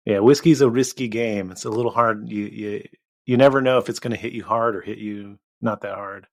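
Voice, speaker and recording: A man's voice: fairly low pitch, fairly even intonation, fairly quick. A man hosting a podcast, asking casual interview questions in a hesitant, roundabout way.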